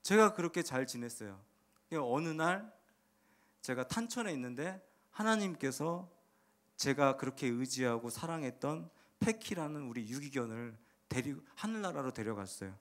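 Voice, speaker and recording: A man giving a humorous testimony about his life, telling it with lively comic timing. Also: mid-range voice, moderate pace. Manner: animated, humorous storytelling. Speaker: testimony speaker.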